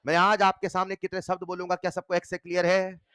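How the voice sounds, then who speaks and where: Lively male chemistry teacher, dry sound. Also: high voice, clear, resonant tone, dry recording, a faint crowd. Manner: animated, quizzing students with rapid questions. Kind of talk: classroom lecture.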